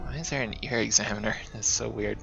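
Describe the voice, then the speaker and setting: A man's voice: fairly low pitch, fairly even intonation, fast talker, creaky, muffled recording. A man giving playful let's-play commentary, exclaiming and muttering to himself as he plays. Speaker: gamer. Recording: commentary over game music.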